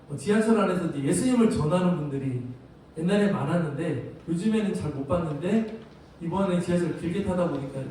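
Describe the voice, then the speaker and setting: A man's voice: high-pitched, mellow, slight background noise. Korean man preaching in an echoey sanctuary. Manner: conversational, telling stories to teens. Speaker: youth pastor. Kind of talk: sermon and closing prayer. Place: large church sanctuary. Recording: very echoey hall, from a distance.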